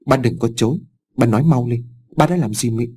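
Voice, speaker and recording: A man's voice: medium pitch, a little fast, mellow, breathy edge, natural voice. A man voicing a stern young adult son who speaks bluntly and demands answers.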